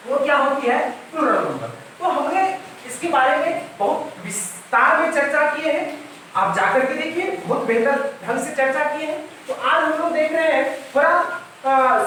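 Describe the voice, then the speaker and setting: A male English teacher with an extremely high, pushed, bright voice gives a classroom-style grammar lesson, repeating himself and answering his own questions. A little hiss or hum is audible, and the mic sits at a distance in a very echoey room.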